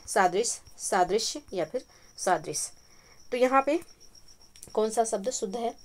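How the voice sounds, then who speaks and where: Steady woman explaining test answers. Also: mid-range voice. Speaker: Hindi exam-prep teacher. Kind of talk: spoken quiz lesson. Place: home at night, street noise outside.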